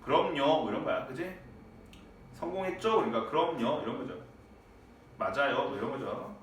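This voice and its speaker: A man teaching a high school English class in a classroom, checking on students with frequent tag questions. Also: lively intonation, moderate pace. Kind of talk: classroom lecture. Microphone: far from the mic. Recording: echoey classroom, distant mic, faint noise.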